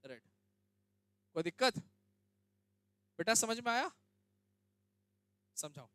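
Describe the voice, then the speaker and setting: A man's voice: very high-pitched, sing-song, slow pace, sharp tone, smooth, no room sound. A young male teacher giving a classroom lecture, often asking students questions and checking that they understand. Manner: questions students, addresses them as beta.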